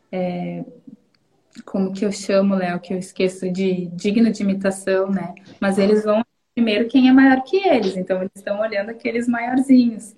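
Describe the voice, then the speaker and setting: A woman's voice: medium pitch, a little mellow, low-quality recording. Woman, educator, conversational, explains with examples, live talk.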